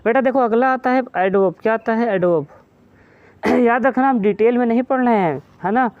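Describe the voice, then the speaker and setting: A man's voice: very high voice, normal speed, clear, resonant tone, no echo. A man teaching an English grammar lesson in Hindi. He fondly calls his students "beta", then asks questions and answers them himself. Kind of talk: Hindi-language grammar lecture. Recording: slightly muffled with faint hiss.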